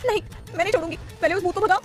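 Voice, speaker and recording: A woman voicing a frightened, childish young woman who pleads in a high, shrill voice. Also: racing, faint music behind.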